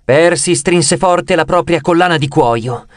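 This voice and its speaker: A man narrating an audiobook in an expressive storytelling manner, giving the characters' dialogue its own touch. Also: on the high side, a little slow, no echo, clean studio sound. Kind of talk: scripted narration.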